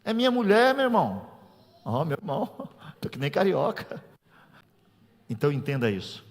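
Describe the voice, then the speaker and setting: A man from Brazil preaching a teaching sermon as a pastor. He jokes with the congregation in a conversational way, then climbs to loud preaching peaks. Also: a little high, normal speed. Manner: animated, swings from soft asides to loud preaching peaks. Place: church. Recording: long reverb of a church hall.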